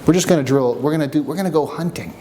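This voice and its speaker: A man coaching a workshop group, teaching with jokes and a personal story in an animated way. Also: a little high, rapid-fire, heavy background noise. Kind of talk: seminar teaching with stories. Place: room with a live audience.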